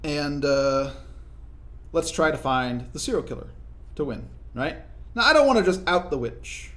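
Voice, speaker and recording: A young man giving casual, explanatory commentary over his own gameplay, often tagging his points with quick check-ins to the listener. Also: a little high, animated, fairly bright tone. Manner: conversational, explanatory, frequent "right?" tag questions. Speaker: gaming video commentator.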